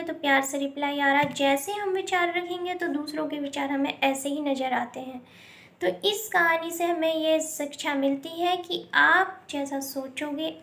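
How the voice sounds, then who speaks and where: Woman storyteller, high-pitched, plain repetitive moral-story narration. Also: fairly bright tone. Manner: plain, repetitive, mixes in English words.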